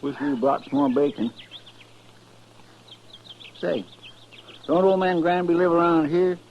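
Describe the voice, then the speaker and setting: A hungry, grumbling young cowboy sidekick in a 1950s AM radio western. His voice sits fairly high, with a folksy rural Western American drawl and plaintive manner. The vintage recording sounds dull and muffled. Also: a little slow. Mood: folksy, chatty. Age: young adult.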